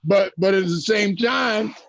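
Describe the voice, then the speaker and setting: A man's voice: high voice, measured pace, vocal fry, dull audio, over a noisy crowd. An older man hosting an open mic, telling stories in an earthy, emphatic way to a group. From USA. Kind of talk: casual group talk.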